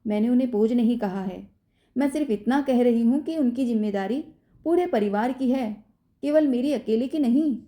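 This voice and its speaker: A woman voicing a young daughter-in-law who answers calmly and without fear. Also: a little high, normal speed, close to an everyday voice. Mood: firm. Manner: calm, unafraid.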